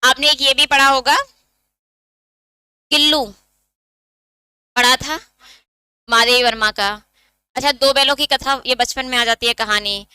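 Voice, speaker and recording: A woman's voice: high voice, fairly even intonation, unhurried, long pauses, pushed and bright, clear, resonant tone, no echo. A woman teacher giving an exam-prep lesson, explaining step by step and asking her students questions that she answers herself.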